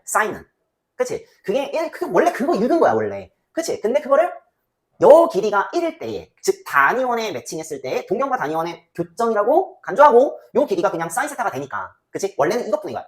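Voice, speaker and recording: A woman teaching a math lesson in a casual, chatty way, often asking the students to check along. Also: mid-range voice. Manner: chatty, asks students frequent checking questions; voices student replies herself. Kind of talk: casual lecture.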